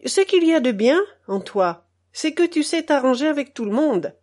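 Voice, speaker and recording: A woman's voice: high-pitched, lively intonation, moderate pace, darkish tone, pitched above the performer's own voice. A woman reading the part of an impatient, teasing male workshop painter who speaks bluntly and jovially in a storybook. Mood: bluff.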